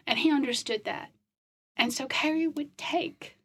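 A woman calmly recounting hard childhood memories in a slow, matter-of-fact way during a conversation. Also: high-pitched. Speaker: guest telling her life story. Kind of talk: personal storytelling in conversation.

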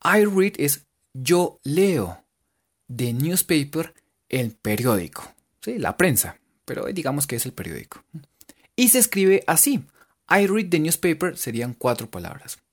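A man's voice: fairly high pitch, breathy edge. A man giving a playful beginner English lesson, spelling words out letter by letter. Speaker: English teacher.

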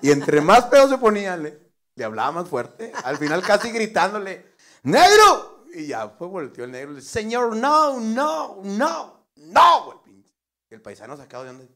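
A man with a northern Mexican accent tells a crude joke in casual chat. He acts out each voice in the story. His voice sits a little high for a man. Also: sing-song, brisk, fairly bright tone.

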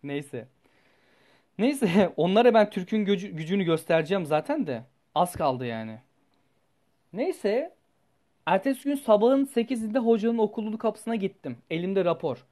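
A young man, a student, telling a personal story in a rambling, animated way and swearing freely. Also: sits high, normal speed. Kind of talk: casual storytelling vlog.

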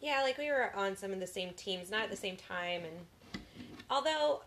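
A woman in her thirties co-hosting a podcast with a husky voice and dry, teasing humor. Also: mid-range voice, lively intonation, normal speed, fairly bright tone, a little hiss or hum. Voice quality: husky today. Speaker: podcast co-host. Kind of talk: casual chat.

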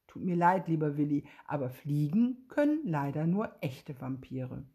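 A woman's voice: low-pitched, a little slow, breathy edge, full character voice. Eager vampire boy, as a woman reads him. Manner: excited, bouncy. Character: eager, lonely young male vampire boy.

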